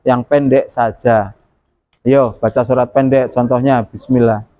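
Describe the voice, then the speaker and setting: A man's voice: mid-range voice, steady tone, unhurried, mellow, lo-fi sound. A middle-aged man teaching pupils how to pray, explaining step by step and asking them questions. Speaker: religious teacher. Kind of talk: classroom prayer instruction. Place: school classroom.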